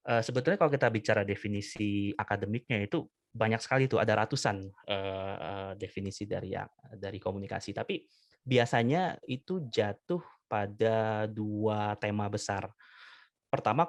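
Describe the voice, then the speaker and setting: A man in his thirties, a lecturer and doctoral student, explaining ideas in a measured, lecturing way with many fillers. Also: fairly low pitch, no room sound, clean studio sound. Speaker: guest, communication lecturer and PhD candidate. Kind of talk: explanatory interview talk.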